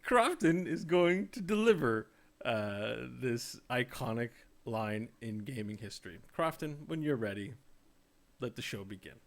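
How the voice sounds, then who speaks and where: A man's voice: medium pitch, animated, a little slow. Rambling, joking male podcast host. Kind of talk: casual livestream podcast chat.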